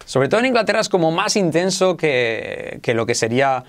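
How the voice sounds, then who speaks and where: A man from Spain, with a Spain Spanish accent and a slightly high voice, runs an online English lesson with pitch swinging in lively rises and falls. An enthusiastic teacher who calls himself exaggerated, he says each word slowly so the listener can repeat it.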